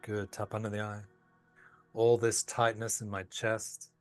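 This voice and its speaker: A man with a fairly low voice leads a guided tapping session. He speaks slowly and soothingly, with soft music playing faintly behind him. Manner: calm, slow, soothing guidance. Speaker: tapping practitioner.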